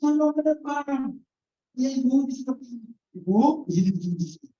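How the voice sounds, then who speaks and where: A woman's voice: high-pitched, lively intonation, brisk, mellow. Woman trainer for a workshop lecture who keeps quizzing her audience. Echoey hall, muffled recording. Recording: echoey, dull lo-fi room sound.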